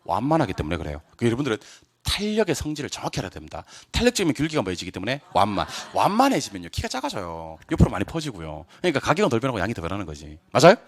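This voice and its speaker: A middle-aged man giving a classroom lecture, drilling students with quick questions and answers and joking asides. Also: medium pitch, wildly swooping pitch. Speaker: real estate exam lecturer.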